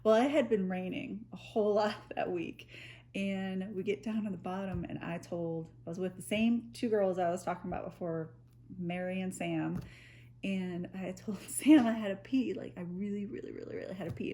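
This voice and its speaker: A woman's voice: mid-range voice, steady tone, normal speed, warm tone. A woman from the United States tells a casual, unedited personal story in a giggly, rambling way, laughing through her sentences and swearing freely. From United States, near the Canadian border. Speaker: storytelling vlogger.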